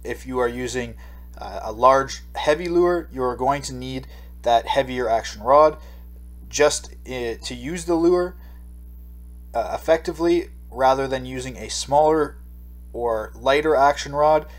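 A man with a medium-pitched voice, speaking a little slowly, narrates a slideshow lesson as a fishing instructor in a voice-over. He explains steadily, with the occasional um and uh.

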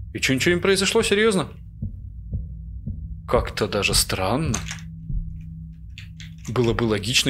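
A man's voice: fairly low pitch, fairly bright tone, slight background noise. A man doing casual, jittery commentary as he plays a horror game, muttering to himself nervously. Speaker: gamer, let's play host. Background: horror game ambience.

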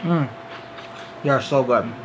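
A man's voice: mid-range voice, a little slow, noisy background. Young American man talking while chewing. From United States. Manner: chatty, easygoing, filler-heavy. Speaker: vlogger. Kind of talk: casual candy taste-test vlog. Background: TV playing in another room.

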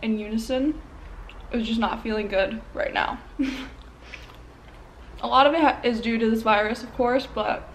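A woman's voice: a little high, measured pace, long pauses, a little hiss or hum, rough recording. A young woman filming a casual eating vlog at home, talking candidly with lots of fillers between bites. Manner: chatty, filler-heavy, candid. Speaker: YouTuber. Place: at home, indoors.

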